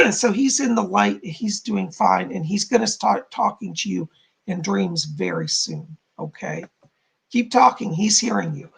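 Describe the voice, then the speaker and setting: Hoarse, croaky man with heavy creak. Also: high-pitched, measured pace, a bit bright. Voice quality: husky, croaky frog voice. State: hoarse, voice giving out. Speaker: psychic medium live stream host. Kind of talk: live spiritual readings for donors.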